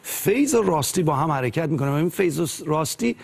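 Earnest young man with a gravelly voice. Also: fairly high pitch, animated. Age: 20s. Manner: earnest, hesitant with fillers.

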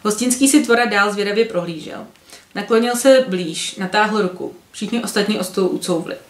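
A woman reading a fantasy novel aloud, in steady narration with the odd slip. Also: mid-range voice. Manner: steady narration with occasional slips. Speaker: book vlogger. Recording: roomy echo.

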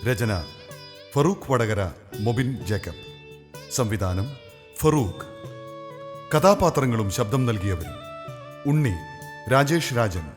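A man with a Kerala accent narrating a Malayalam radio play and reading its credits in a solemn, measured way. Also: medium pitch, expressive. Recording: reverberant studio with music bed.

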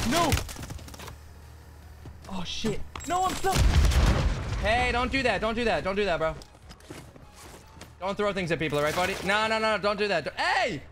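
A man streaming a shooter game, commenting loudly and teasing the strangers he meets. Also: sits high, heavy background noise. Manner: loud, playful, teasing. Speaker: gaming streamer. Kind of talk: excited gameplay commentary and trolling.

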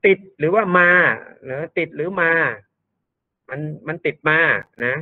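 Slow-talking man teaching English grammar. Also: a little high, dry recording. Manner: slow, repeats words, explains step by step. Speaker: university English tutor. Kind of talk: online grammar lesson. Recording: thin phone-like dry sound.

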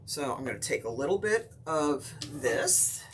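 Slow, chatty woman demonstrating crafts. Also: low voice, a little hiss or hum. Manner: relaxed, chatty, explains step by step with many fillers. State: hiccuping. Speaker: craft instructor.

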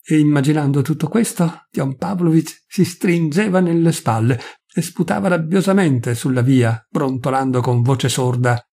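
A man reading a long story aloud as narrator, measured and expressive. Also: on the high side. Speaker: reader. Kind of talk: audiobook narration.

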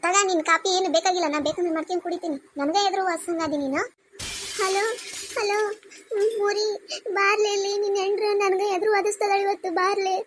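A woman's voice: very high voice, a little hiss or hum. A woman voicing a bossy, strict village mother-in-law with a North Karnataka Kannada accent, scolding and commanding.

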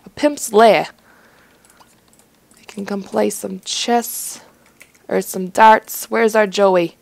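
Young woman doing let's play commentary, goofy and chatty, gravelly voice, dry close mic. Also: medium pitch, steady tone, slow, dry recording. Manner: goofy, chatty, self-mocking. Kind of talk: gameplay commentary.

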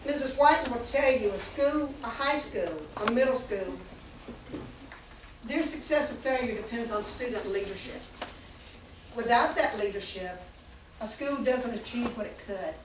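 A woman's voice: a little high, a little slow. A middle-aged woman, reading names and thanking students at a school board meeting, recorded from a far camera in a large room. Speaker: school board member presenting awards. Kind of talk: public meeting recognition remarks. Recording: echoey room from far off, noisy.

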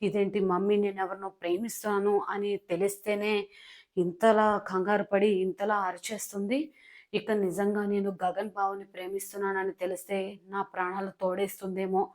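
A woman's voice: mid-range voice, level tone, a little fast, darkish tone, close to an everyday voice. A woman voicing a pampered young daughter in a serial recap, speaking in an anxious, pleading way.

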